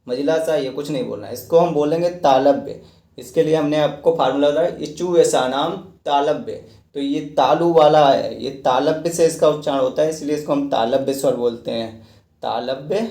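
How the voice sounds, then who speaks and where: A man's voice: on the high side, mellow. A male teacher giving a lecture, explaining step by step, repeating points and asking and answering his own questions. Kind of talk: classroom lecture. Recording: echoey room.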